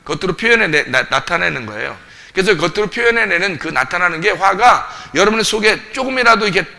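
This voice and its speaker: Lively, high-pitched man preaching. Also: fast talker, vocal fry. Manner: emphatic, repeats short phrases, asks the congregation questions. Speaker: pastor. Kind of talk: sermon. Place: church sanctuary.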